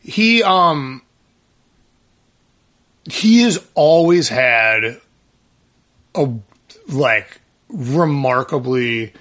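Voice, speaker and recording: The guest, a singer in a band, talks casually and rambles with frequent fillers and restarts. His mid-range, fairly bright voice has lively intonation, drawn-out words and long pauses.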